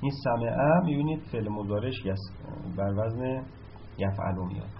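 A man's voice: lowish voice, vocal fry, a little hiss or hum. Male teacher, patient explanatory lesson, slightly dull recording, faint room ambience. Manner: patient, explanatory, repeats and asks himself questions. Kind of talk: recorded lesson on Arabic verb patterns.

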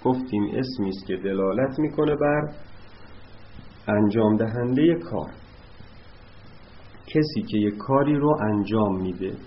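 A man teaching an Arabic grammar lesson, explaining word patterns slowly and patiently as he writes examples on a board. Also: on the low side. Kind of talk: classroom lesson. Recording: dull lo-fi recording with faint noise.

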